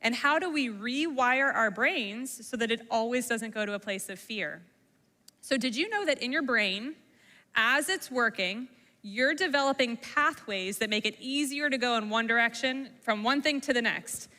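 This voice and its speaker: Bright-voiced woman teaching a class. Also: on the high side, moderate pace. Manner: engaging, asks the class questions. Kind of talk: classroom talk to middle schoolers. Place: school room or hall, long echo. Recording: reverberant hall sound.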